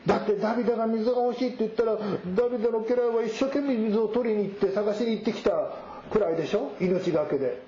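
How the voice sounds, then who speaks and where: A man with a high voice preaches a sermon, reading scripture aloud and then explaining it. The sound is roomy and slightly dull. A faint ambience sits behind him. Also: quick pace, hardly any pauses, mellow, slight background noise. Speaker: pastor.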